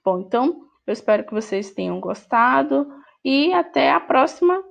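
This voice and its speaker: A woman's voice: high-pitched, big pitch swings, normal speed, creaky, lo-fi sound. A woman teacher with a Brazilian Portuguese accent, correcting a workbook in an online lesson, who speaks patiently and repeats each word. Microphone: screen recording with voice-over.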